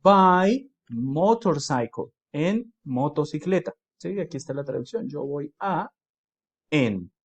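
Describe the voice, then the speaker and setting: Male teacher, slightly high voice, patient step-by-step explainer who slows down for English examples. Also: lively intonation, darkish tone, slightly rough. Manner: explains patiently, with frequent checks like "¿cierto?" and "¿listo?"; slows down and lifts his voice to model English phrases. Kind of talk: video tutorial lesson.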